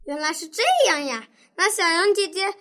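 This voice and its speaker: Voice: very high-pitched, normal speed, bright, forceful tone. A small child figure in a children's audio story, politely and inquisitively putting questions to the storyteller. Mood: curious.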